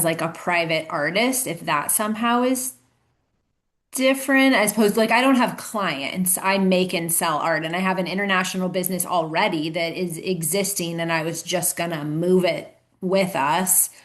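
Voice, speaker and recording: A woman's voice: lowish voice, normal speed. A woman on a group video call asking a question, hesitant and searching for words.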